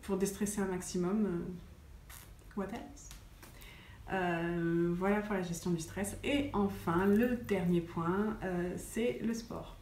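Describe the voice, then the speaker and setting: A woman's voice: fairly low pitch, fairly even intonation, unhurried, few pauses, darkish tone. Chatty woman vlogging in a roomy space. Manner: chatty, many hesitations. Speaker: wellness vlogger. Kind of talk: casual chat to camera. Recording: roomy sound with faint noise.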